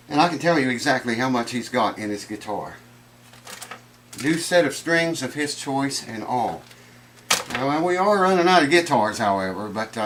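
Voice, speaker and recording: A man with a medium-pitched, slightly bright voice hosts a guitar repair channel from his workshop. He talks in a folksy, enthusiastic way and sounds congested, like his nose is stuffed up. There's a faint hiss or hum in the audio.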